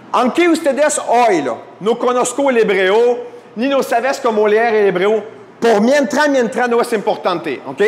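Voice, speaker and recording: A man's voice: high-pitched, slight background noise. A man teaching a Bible class to a live audience, often checking in with questions and slipping in English fillers. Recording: echoey hall.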